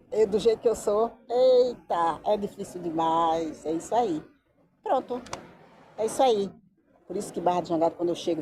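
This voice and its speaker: A woman's voice: on the low side, a little hiss or hum. A woman from telling a story casually outdoors by the beach, acting out the voices she quotes. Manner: lively, acts out quoted voices. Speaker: vlogger.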